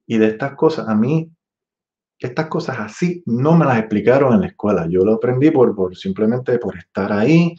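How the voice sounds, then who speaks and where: A man's voice: mid-range voice, lively intonation, moderate pace, warm tone, muffled recording. A man in his fifties giving a music master class, chatty and digressive, scat-singing rhythm syllables to show phrasing. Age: 50s.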